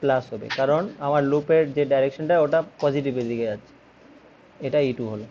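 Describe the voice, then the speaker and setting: A man's voice: mid-range voice, brisk, warm tone, dull audio. A man with a Bengali accent teaching a physics lesson, patiently explaining step by step.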